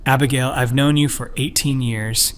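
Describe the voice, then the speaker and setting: A man voicing a quiet, sad middle-aged woman friend who speaks softly and sorrowfully. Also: mid-range voice, fairly even intonation, moderate pace, clean tone, close to an everyday voice.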